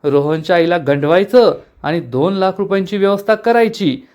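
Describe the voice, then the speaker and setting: A man's voice: sits high, normal speed, darkish tone, muffled recording, lightly acted. A man voicing a scheming young sister-in-law who talks in a wheedling, gossipy way.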